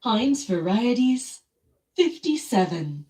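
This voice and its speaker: A woman's voice: on the high side, big pitch swings, slow, warm tone. A woman calling bingo numbers with their traditional rhymes in a sing-song way. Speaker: bingo caller. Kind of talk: recorded bingo calls. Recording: clear backing music.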